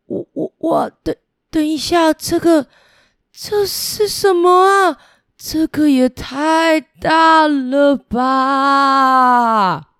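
An excitable male river god, boastful and wide-eyed, voiced in a high, bright register as a woman puts him on for a children's storybook. He bursts into exclamations and stammers when he is astonished, and his voice sits close to a dry mic. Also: slow pace, no room sound.

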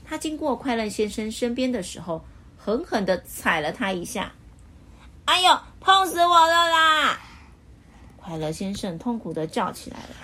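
A woman reading a children's picture book aloud as storyteller, with expressive, lively delivery. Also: medium pitch, normal speed, slightly rough.

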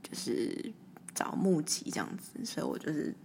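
A young woman with a Taiwanese Mandarin accent hosting her own podcast, talking casually and rambling, often trailing off into a breathy near-whisper. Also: sits low, very animated, moderate pace, darkish tone, slight background noise. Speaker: podcast host. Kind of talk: casual solo monologue.

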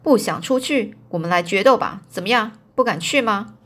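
A hot-headed gang thug, all bluster and threats, spits out his challenges, put on by a woman reading a storybook aloud. His voice sits at an ordinary middle pitch. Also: expressive, normal speed, a bit bright. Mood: menacing. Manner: menacing, blustering.

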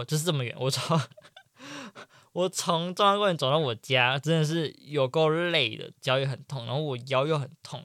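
A young man with a fairly high voice tells a personal story in a loose, animated way. His energy swings from loud bursts down to quiet asides. The recording is close and dry, with no room sound. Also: dry recording. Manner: animated, chatty, jumps between loud excitement and quiet mumbling. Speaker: podcast host. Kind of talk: casual storytelling monologue.

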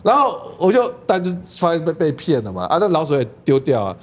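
A middle-aged man with a Taiwanese Mandarin accent, a podcast host telling a story in casual chat with animated leaps into high exclaims. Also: fast talker.

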